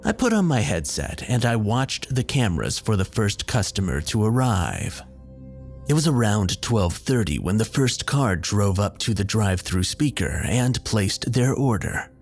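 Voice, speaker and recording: A man narrating a first-person horror story in a measured storytelling manner. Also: fairly low pitch, big pitch swings, faint music behind. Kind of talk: scripted narration.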